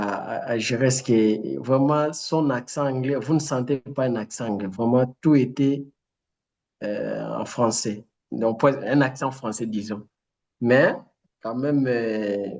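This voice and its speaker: A man in an online meeting, speaking politely and haltingly, with frequent fillers. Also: medium pitch, dark tone. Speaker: program participant. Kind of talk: casual remarks in a meeting.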